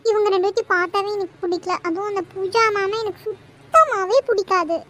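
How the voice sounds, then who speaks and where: A heartbroken young friend in a cartoon, as a woman puts her on, tearful, her voice very high. She speaks slowly and chokes on her sorrow. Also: fairly bright tone, a little hiss or hum. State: crying. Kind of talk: cartoon voice acting.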